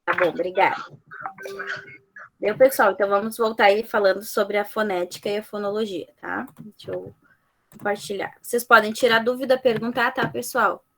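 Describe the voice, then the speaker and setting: A woman's voice: medium pitch, fairly even intonation, moderate pace, slight background noise. A woman teacher giving an online class lecture over a video call, often ending phrases with "tá?" and "né?" to check in with students. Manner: ends phrases with frequent "tá?" and "né?" checks.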